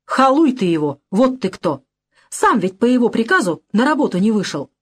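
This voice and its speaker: A woman reading an audiobook voices a stern male party secretary who speaks slowly and firmly. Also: a little high, very animated, slightly rough, voice pushed up. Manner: stern, measured.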